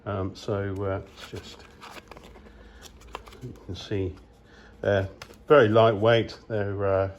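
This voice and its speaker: A man's voice: lowish voice, flat delivery, slow, long pauses, muffled recording, slight background noise. A man giving a casual video update from his workbench on his model kits, talking hesitantly with many ums and restarts. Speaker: model kit maker. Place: workbench in a workshop.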